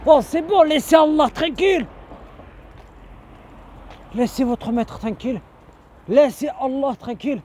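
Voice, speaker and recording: A man's voice: extremely high pitch, lively intonation, unhurried, pauses often, slight background noise. A man, giving an indignant religious reminder outdoors and repeating his phrases again and again. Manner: insistent, repeats phrases over and over; shouting indignantly. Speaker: online preacher.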